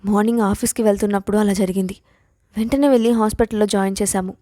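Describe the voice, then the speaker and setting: A woman's voice: mid-range voice, fairly even intonation, fast, warm tone, dry recording, lightly acted. Brief: jealous, vengeful young woman read by a woman, bitter and scheming, close dry audio-story read. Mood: pleading.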